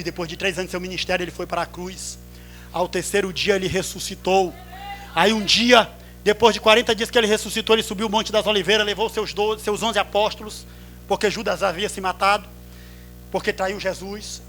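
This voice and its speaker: A Brazilian man preaching a sermon at a church service, swinging from hushed storytelling to drawn-out shouts. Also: high-pitched. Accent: Brazilian Portuguese.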